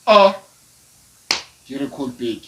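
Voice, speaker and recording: A man's voice: medium pitch, lively intonation, slow, noisy background. A South African man, a comedian, telling stories casually and animatedly in slangy speech, switching between English and an Nguni language. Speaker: comedian and ventriloquist, guest. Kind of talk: casual comic storytelling.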